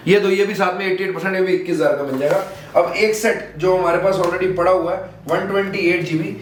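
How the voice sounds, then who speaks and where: In a small shop, a young man with a Delhi Hindi accent shows off phones and calls out prices in brisk, repeated sales pitches. His voice is a bit bright, recorded in an echoey room with faint background noise.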